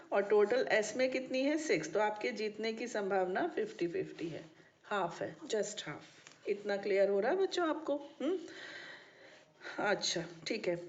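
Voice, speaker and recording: A woman teaching a maths lesson to students, often checking that they have understood. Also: fairly high pitch. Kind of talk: classroom lecture. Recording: dull lo-fi recording.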